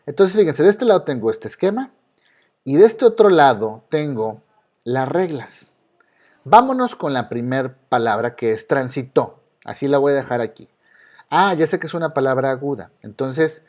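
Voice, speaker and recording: A man's voice: medium pitch, a little mellow. A man with a Mexican Spanish accent teaching an online class, patiently explaining step by step and asking his students questions. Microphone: video call.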